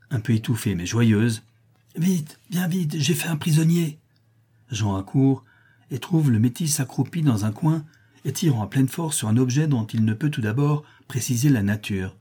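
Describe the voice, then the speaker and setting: A man narrating an adventure novel as an audiobook, reading in a steady, expressive way. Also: fairly low pitch, breathy edge.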